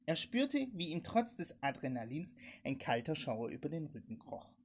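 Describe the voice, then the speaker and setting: A woman narrating a suspense story aloud in a steady, dramatic way. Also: low voice, normal speed, a little hiss or hum.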